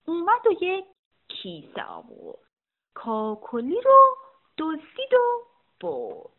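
A woman reading a rhymed children's story aloud in a rhythmic, sing-song way. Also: sits high. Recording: tinny phone-like sound.

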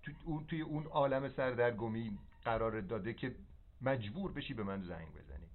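A man's voice: mid-range voice, animated. A man giving preaching, directive spiritual counsel over a landline phone, often checking that the listener understands. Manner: didactic, directive, with check-in questions. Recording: narrow, tinny telephone line.

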